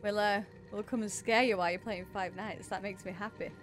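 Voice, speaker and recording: A woman's voice: mid-range voice, fairly even intonation, brisk, soft background music. A woman streaming a game live, chatting and thanking viewers, shrieking when scared. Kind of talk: live gameplay chat.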